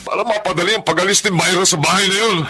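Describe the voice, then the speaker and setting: A man's voice: high-pitched, fast talker, lightly acted. A middle-aged man playing a worried, remorseful poor father in a radio drama. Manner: anxious, remorseful.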